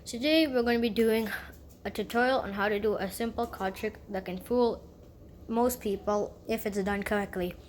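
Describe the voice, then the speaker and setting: A female-sounding voice at a middle pitch delivers card magician patter in a casual, tutorial way. The host explains step by step and often rephrases each instruction. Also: fairly even intonation, moderate pace, a little hiss or hum.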